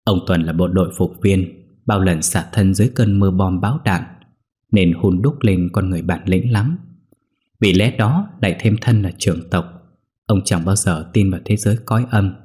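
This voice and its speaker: A man narrates a ghost story in a steady, grave manner. His voice is low and deep, with a dark, mellow tone. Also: moderate pace. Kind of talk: scripted horror story narration.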